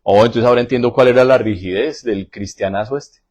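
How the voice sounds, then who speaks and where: A middle-aged man, preaching a sermon as pastor, swinging from loud rises to soft, low asides. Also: a little fast.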